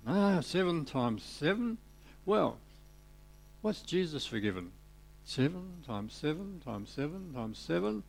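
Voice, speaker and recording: Animated male preacher telling a parable. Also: on the high side, creaky. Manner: animated storytelling, voicing characters in the parable. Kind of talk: sermon.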